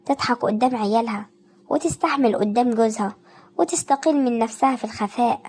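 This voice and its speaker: Breathy Egyptian woman narrating softly. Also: fairly high pitch. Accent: Egyptian Arabic. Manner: soft, intimate, speaking directly to the listener. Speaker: narrator of a self-care video. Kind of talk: scripted motivational narration.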